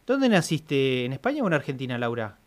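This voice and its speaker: A man's voice: medium pitch, big pitch swings, fairly quick. A man hosting a radio interview with a Rioplatense accent, asking chatty questions. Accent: Rioplatense Spanish. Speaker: radio host.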